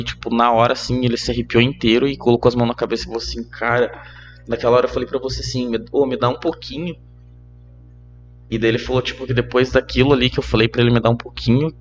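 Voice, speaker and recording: A young man with a Brazilian Portuguese accent, a podcast guest telling a personal story in casual chat, animated and laughing between lines. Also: mid-range voice, lo-fi sound. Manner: animated, laughs mid-story, many fillers.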